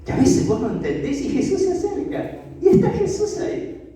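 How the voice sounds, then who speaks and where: A pastor preaches in a lively, swooping voice that rises and falls, acting out scenes and turning to the congregation. The tone is warm and mellow. The voice rings through a big echoey church hall, heard from a distance off the mic. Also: very high voice, normal speed. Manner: animated, acts out Bible scenes with asides to the congregation. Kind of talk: lively sermon.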